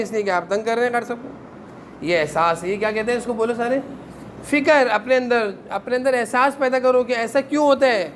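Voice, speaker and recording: Very high-voiced stern male teacher. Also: a little hiss or hum. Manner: stern, drills class to answer in chorus. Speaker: madrasa teacher. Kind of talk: classroom lecture to children. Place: madrasa classroom.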